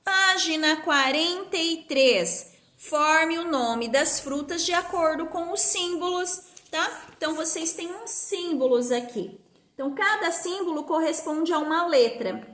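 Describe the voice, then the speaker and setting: A woman teaching a recorded lesson to young pupils, explaining clearly and stressing syllables aloud. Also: very high voice, unhurried, fairly bright tone. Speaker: schoolteacher. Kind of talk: remote class lesson. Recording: echoey room.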